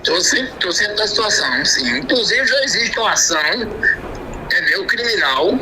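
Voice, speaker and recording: A man's voice comes through a phone on speakerphone, pitched high for a man. He is a lawyer who talks haltingly, repeating fillers and tag questions. Loud background noise surrounds the call. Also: animated. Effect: heard over a phone on speakerphone. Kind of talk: phone conversation with a reporter.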